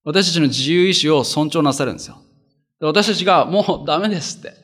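A man's voice: fairly high pitch, fairly bright tone. Man preaching in a conversational way. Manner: conversational, repeats phrases for emphasis; slows down for scripture passages. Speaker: pastor. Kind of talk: sermon with scripture reading.

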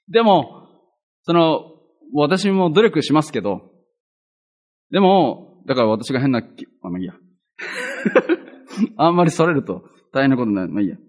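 A man's voice: on the high side, big pitch swings, measured pace, pauses often, a little mellow. A male pastor giving a chatty, earnest Bible teaching, with self-deprecating asides.

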